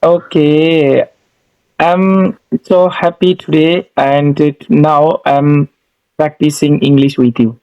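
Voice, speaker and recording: A man from India with an Indian accent, an English learner chatting in simple, halting, often repeated phrases. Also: fairly high pitch, little pitch movement, clean tone, highs cut off. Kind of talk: casual beginner English conversation.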